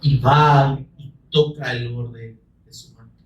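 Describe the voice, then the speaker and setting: A man preaching a sermon, fervent and rising to shouts, calling listeners brother. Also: medium pitch, fairly even intonation, slow pace, muffled recording. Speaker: pastor. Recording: echoey room, voice from far off the mic.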